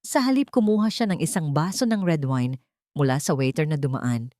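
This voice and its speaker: Reading a scripted dramatic story as narrator, a woman with a Filipino accent speaks in a deep, warm voice at a moderate pace. The recording is dry and studio quality.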